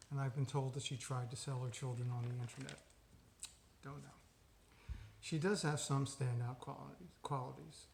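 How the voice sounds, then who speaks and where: Deadpan gravelly man roasting his wife. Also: mid-range voice, a little hiss or hum. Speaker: husband giving a birthday tribute. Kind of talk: deadpan roast turned heartfelt tribute.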